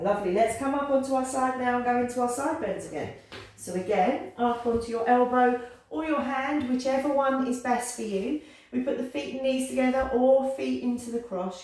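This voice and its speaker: A woman with a slightly high voice leads a guided pilates class, calmly and encouragingly cueing the moves and counting down holds aloud. She gets slightly out of breath at times, and her voice sounds distant and echoey in the room.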